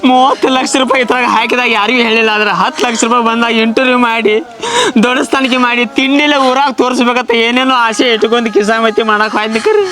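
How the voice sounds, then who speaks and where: A man's voice: very high-pitched, fairly even intonation, quick pace, pushed and bright. An actor playing a young village man who has lost his money, sobbing and lamenting. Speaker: ruined gambler. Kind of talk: short film comedy acting.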